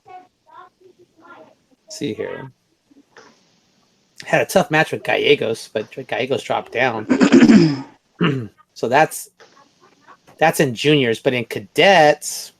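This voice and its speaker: Slow, musing man podcast host. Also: medium pitch, slight background noise, poor audio. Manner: slow, thinking aloud while reading a list. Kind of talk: casual chat.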